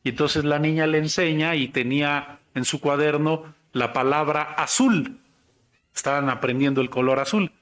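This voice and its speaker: High-voiced man lecturing. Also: a bit bright. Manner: measured, explanatory, tells anecdotes. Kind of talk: academic conference talk.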